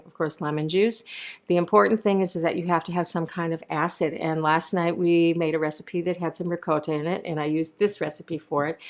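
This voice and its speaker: A woman chef giving a chatty cooking demonstration in a home kitchen, explaining each step and wandering into side notes. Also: deep voice.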